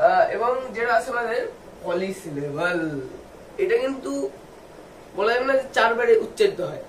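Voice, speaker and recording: A man giving a video lesson for students, spelling words out slowly letter by letter and asking questions he answers himself. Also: high-pitched, animated. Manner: asks the viewers questions and answers them himself. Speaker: English tutor. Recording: echoey room, distant mic, faint background noise.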